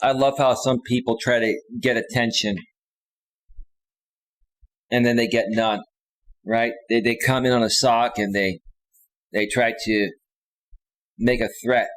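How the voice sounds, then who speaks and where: Talking casually on a livestream, this man keeps a medium pitch and a steady, fairly bright tone, speaking a bit slowly and pausing often. He rambles off the cuff in slang, addressing his audience directly and repetitively, with insistence.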